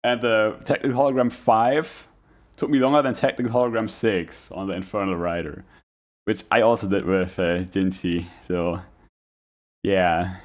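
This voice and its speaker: A man's voice: on the low side, normal speed. A man giving casual, rambling reaction commentary as a streamer, musing aloud and trailing off in asides.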